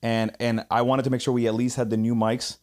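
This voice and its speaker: A man from Puerto Rico hosts a casual podcast interview in a studio, joking, cursing freely, and often restarting his sentences. His medium-pitched voice is brisk, level, and darkish, captured on a studio mic.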